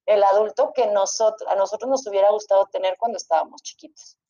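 Mellow Mexican woman on a dull recording. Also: mid-range voice, fast. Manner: reflective, agreeing. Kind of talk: casual panel chat. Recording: dull lo-fi sound.

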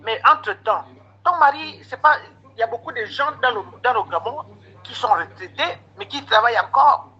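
A man with a high, bright, forceful voice tells a long story in a casual chat, acting out back-and-forth conversations as he goes. The recording sounds dull and lo-fi. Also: moderate pace, husky. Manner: animated retelling of conversations with many quoted exchanges.

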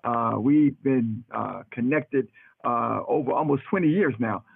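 A middle-aged man who is both a pastor and a radio host conducts an interview in a casual, effusive, brotherly manner, frequently repeating his phrases. His medium-pitched voice is creaky and slightly rough, with a measured pace. The radio audio sounds muffled and phone-like, with a roomy echo.

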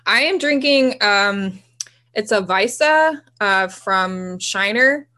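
A woman's voice: medium pitch, animated, takes it slowly, sharp tone. Woman co-host, chatty and rambling, easy laughter. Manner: enthusiastic about marine biology. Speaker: podcast co-host. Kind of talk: casual chat.

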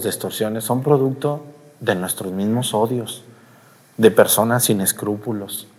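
A man preaching a sermon in an animated way, asking his listeners questions. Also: lowish voice, husky. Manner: animated, asks the audience questions. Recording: long hall reverb.

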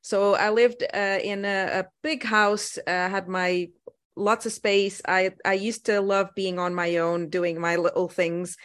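A woman's voice: medium pitch, flat delivery, unhurried. Portuguese-accented midlife woman, podcast guest. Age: middle-aged. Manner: thoughtful, many fillers and restarts. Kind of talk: casual interview.

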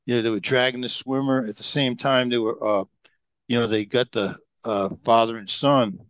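A man's voice: medium pitch, fairly even intonation, moderate pace, fairly bright tone, no room sound. A middle-aged man, a podcast guest, telling long stories in a rambling, casual way with many fillers and restarts. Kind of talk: casual storytelling.

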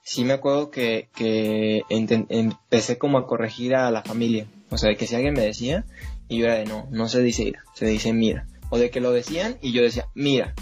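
A man's voice: medium pitch, a little fast, soft background music. A man with a Mexican accent, hosting a podcast and telling stories in casual chat, joking and swearing as he goes. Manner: animated storyteller, joking and swearing. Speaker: podcast host.

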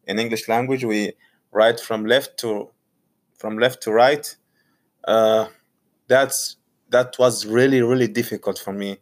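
A man from Saudi Arabia talks casually about how he learned English in a personal monologue; he's a graduate student and teacher whose first language is Arabic. Speaking in a mid-range voice, he stumbles haltingly, often repeating or restarting.

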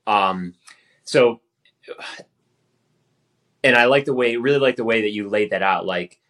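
Low-voiced, relaxed podcast host man. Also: unhurried. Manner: relaxed, conversational, lots of fillers and affirmations. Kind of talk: podcast interview.

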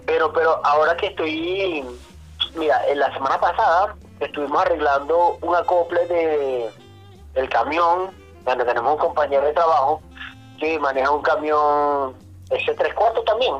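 Animated man telling a work story. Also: on the high side, moderate pace, lo-fi sound, soft background music. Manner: animated, swears, addresses listener as brother. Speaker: podcast guest, mechanic. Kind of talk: casual storytelling.

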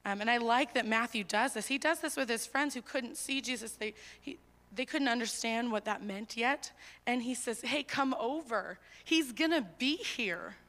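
A young woman preaching in a church with a bright, fairly high voice. She speaks earnestly and conversationally, with casual fillers. Her words ring out in a long hall reverb. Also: moderate pace. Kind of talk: sermon.

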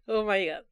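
A woman co-hosting a casual podcast in an expressive, giggly and self-mocking way. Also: on the high side, no echo, clean studio sound. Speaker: podcast co-host.

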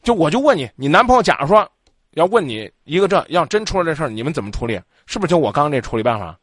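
A man's voice: fairly high pitch, racing, breathy edge, no echo, clean studio sound. A man hosting a call-in advice show, talking bluntly and scolding the caller. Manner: blunt, lively, scolding, acts out quotes. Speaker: radio advice show host.

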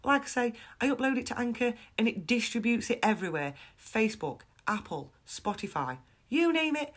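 A woman's voice: fairly high pitch, expressive, moderate pace, fairly bright tone. A woman with a chest infection, hosting a casual solo podcast in a chatty, frank, self-deprecating way. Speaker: podcast host.

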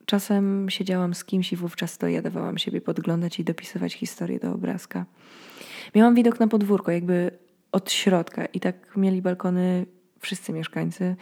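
A woman in her twenties talks alone in a quiet, night-time hush. Her voice sits slightly low and is very soft-edged and dark in tone. She sounds a little sleepy and tells her thoughts reflectively, in the style of a personal podcast. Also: gravelly. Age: 20s. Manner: reflective, storytelling. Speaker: podcast host.

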